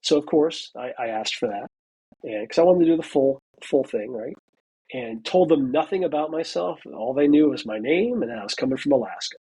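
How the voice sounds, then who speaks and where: Animated and a little fast, a man with a warm, slightly rough mid-range voice tells a story over poor audio. He's a US military veteran in his forties now in college, appearing in a casual interview, chatty, heavy on "you know" fillers, and acting out the quotes.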